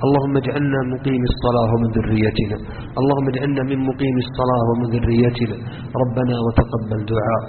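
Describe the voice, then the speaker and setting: A man's voice: medium pitch, steady tone, fast. A man preaching a fervent sermon and lecture, emphatic and exhorting his listeners. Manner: impassioned, emphatic, exhorting the congregation. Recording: lo-fi phone-like sound with long reverb and faint noise.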